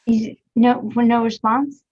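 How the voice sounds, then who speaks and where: A woman hosting a casual online show, loud and bubbly, over a desk mic with a harsh, staticky edge. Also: on the high side, steady tone, takes it slowly, breathy edge, muffled recording. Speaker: host. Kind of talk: casual video-call chat. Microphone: USB desk microphone.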